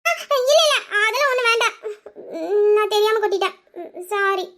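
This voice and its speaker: A woman's voice: very high-pitched, animated, moderate pace. A woman playing a mischievous young wife. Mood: pouty. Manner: chatty and boastful, dropping to a hushed scheming tone. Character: playful, mischievous young wife named Ruby. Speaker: heroine of an audio drama. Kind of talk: Tamil audio drama acting.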